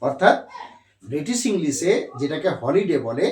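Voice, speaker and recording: A man teaching English vocabulary, speaking slowly, repeating himself and spelling words letter by letter. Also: fairly high pitch, sing-song, a little mellow. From India. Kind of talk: explaining lesson on a board. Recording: echoey room.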